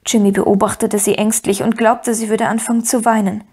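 A woman narrating an audiobook in an even, measured storytelling manner. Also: mid-range voice, slightly rough. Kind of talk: scripted narration.

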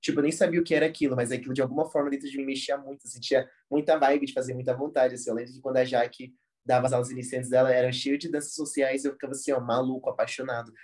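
A young man from Brazil with a Brazilian accent, a dancer telling stories as a guest in a casual interview, relaxed and slangy with many fillers. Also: mid-range voice, very fast, few pauses. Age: young adult. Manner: relaxed slangy talk full of fillers like "tipo" and "assim".

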